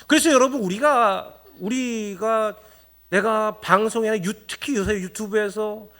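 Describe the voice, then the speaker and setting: A male pastor preaching a sermon in a church, animated and firing rhetorical questions at the congregation. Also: high voice, unhurried. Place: church sanctuary.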